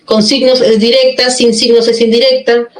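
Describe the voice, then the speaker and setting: A fairly high-voiced woman teaching a grammar class, walking through examples one by one. She keeps asking short checking questions as she goes. Her voice rings in an echoey room. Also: little pitch movement, normal speed. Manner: explains step by step, asks checking questions.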